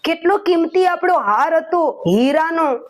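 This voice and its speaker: A woman voicing a tearful, upset young wife in a spoken story, pleading with her husband in a high, whiny tone. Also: lively intonation, measured pace.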